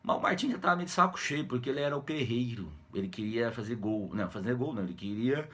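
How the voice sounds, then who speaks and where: A man's voice: medium pitch, animated, fast, sharp tone, breathy edge. A man with a Brazilian Portuguese accent, a teacher casually retelling a classic novel for students, slangy and jokey, always tagging "né?". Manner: jokey, slangy, constant "né?" tags, acts out characters' lines. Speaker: literature teacher.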